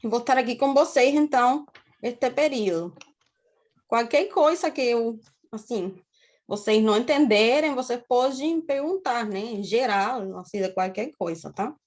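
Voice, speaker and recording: A woman's voice: on the high side, animated, moderate pace, darkish tone. Cuban-accented woman lecturing in a class. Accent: Cuban Spanish. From Cuba. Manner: explanatory, often tags phrases with "né?". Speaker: university lecturer.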